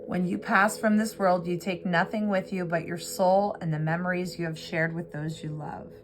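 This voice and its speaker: Lowish woman doing a tarot reading, earnest and slow, music playing under her. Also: fairly even intonation. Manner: earnest, reflective, slow with fillers. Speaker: tarot reader. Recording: clear music bed behind voice. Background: background music.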